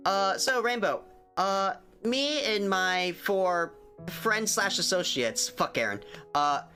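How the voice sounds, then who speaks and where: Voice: mid-range voice, expressive, slow, bright, forceful tone, soft background music. A game streamer chatting casually with viewers during a playthrough, making sweary, joking asides.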